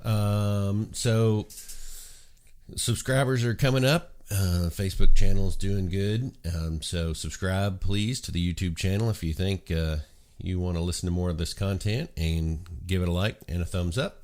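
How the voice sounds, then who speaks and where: Slightly stuffed up with a cold, the host of a laid-back morning chat show talks unhurriedly in a low voice. His rambling speech is full of ums and uhs.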